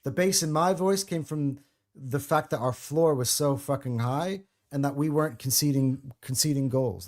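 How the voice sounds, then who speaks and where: A man's voice: medium pitch, a little mellow. A man hosting a football podcast, talking with passion and rambling through restarts. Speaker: podcast host. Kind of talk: casual football podcast chat.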